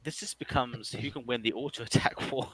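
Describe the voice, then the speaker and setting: A man's voice: mid-range voice, fairly bright tone, breathy edge, poor audio. A man casting an online game league match, chatty and joking, who grew up with another first language besides English. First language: not English. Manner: joking, chatty, quick to apologize. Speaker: esports commentator. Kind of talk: casual game commentary.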